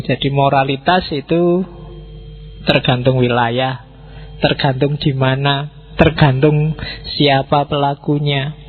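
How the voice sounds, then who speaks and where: A man giving an informal philosophy lecture to students, chatty and teasing, acting out quick exchanges and mixing in words. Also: a little high, phone-quality sound.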